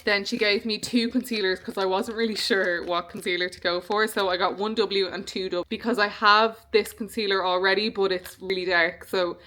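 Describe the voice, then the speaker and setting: A woman's voice: mid-range voice, steady tone, normal speed, few pauses, bright, forceful tone. A young woman chatting casually to camera in a vlog, rambling along with frequent ums. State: hiccuping. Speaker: beauty vlogger.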